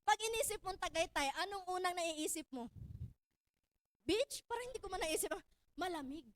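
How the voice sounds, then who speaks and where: Young woman from Cebu, very high voice, bright and sharp, animated storytelling, dry close sound. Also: moderate pace, no room sound. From Cebu, Philippines. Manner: lively, laughing, often raises her voice to exclaim. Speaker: speaker sharing her story.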